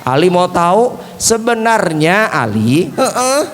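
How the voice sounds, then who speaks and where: Slow, gentle man teaching children. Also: high voice, expressive. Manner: gentle, coaxing questions to children. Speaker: children's religious storyteller. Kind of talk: puppet show teaching children. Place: mosque hall. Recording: reverberant mosque hall.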